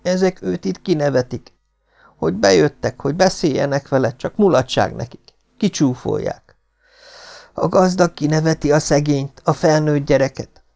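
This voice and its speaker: A man's voice: a little high, creaky, a little mellow, voice pushed up. A man voicing a proud, touchy little schoolboy who talks in a stiff grown-up way, in an audiobook reading. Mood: hurt. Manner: earnest, stiffly grown-up, hurt pride. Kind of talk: audiobook character voice.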